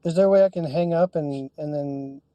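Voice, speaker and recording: A man's voice: fairly high pitch, no room sound, lo-fi sound. Man on a breaking-up bad call connection. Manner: hesitant, halting, restarts words. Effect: breaking-up bad internet call connection. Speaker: caller in a live debate. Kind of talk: live online debate. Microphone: remote call audio.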